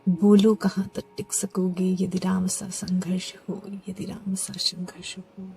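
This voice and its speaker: A woman reciting devotional poetry with expressive delivery, her voice swelling and sinking to soft near-whispers on the refrains. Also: fairly low pitch, unhurried, vocal fry, a little hiss or hum. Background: faint background music.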